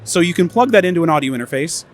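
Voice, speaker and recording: A man presents on an expo stage at an audio trade show in a casual conference-talk style, his voice a bit tired from many interviews, with lots of fillers and restarts. He speaks very fast and expressively at a fairly high pitch. There is a little hiss or hum.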